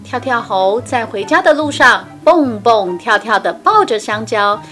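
A woman narrating a children's story in a gentle, clear way. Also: on the high side, expressive, a little slow. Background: music.

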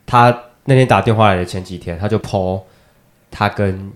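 A man's voice: fairly low pitch, moderate pace. A man co-hosting a casual podcast chat, telling a story and acting out the quoted phone talk, with a Taiwanese Mandarin accent. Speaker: podcast co-host.

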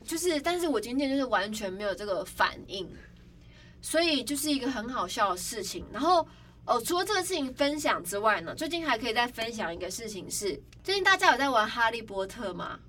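Bright, high-voiced, animated woman. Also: a little fast. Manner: animated, acts out other people's lines with exaggerated cries. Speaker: podcast host. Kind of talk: casual storytelling chat. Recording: slightly distant mic, faint background noise.

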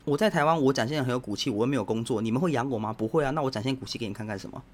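A man's voice: mid-range voice, very fast. Blunt Taiwanese man sounding off. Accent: Taiwanese Mandarin. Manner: blunt, provocative, lecturing the listeners directly. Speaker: podcast host. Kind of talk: casual opinion monologue.

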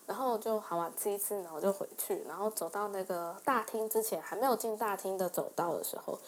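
Chatty young woman telling a story. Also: mid-range voice. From Taiwan. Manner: animated, chatty, laughs often, many fillers. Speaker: host. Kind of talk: casual personal storytelling.

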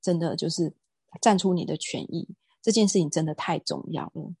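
A woman's voice: on the low side, fairly quick, darkish tone, husky, dry recording. A woman, a guest speaking earnestly in a casual interview and telling stories with emphasis and some hesitation. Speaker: guest speaker on sexual assault prevention.

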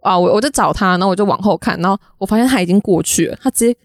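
A young woman with a Taiwanese Mandarin accent, a podcast guest telling stories in a rapid, giggly, chatty way. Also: mid-range voice, no echo, clean studio sound. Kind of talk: casual storytelling chat.

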